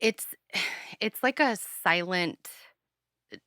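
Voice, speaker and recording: A woman's voice: on the low side, expressive, drawn-out words, sharp tone, dry recording, clean studio sound. A woman in her thirties, a lactation consultant and doula, talking candidly and earnestly in an interview, with many fillers.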